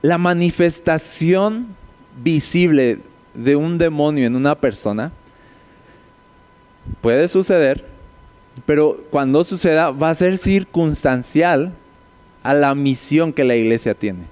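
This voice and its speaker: A preacher delivers a conversational sermon, explaining scripture as Bible teaching and tossing quick rhetorical tag questions at his listeners. His fairly high voice is smooth and resonant with a darkish tone. A long reverb from a large hall trails after his words.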